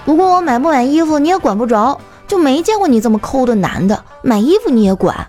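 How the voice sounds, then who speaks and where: A woman putting on a whiny, sulky young girlfriend with a high voice. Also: sing-song, quick pace, darkish tone, faint music behind. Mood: petulant. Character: young woman friend, foodie, quick to sulk.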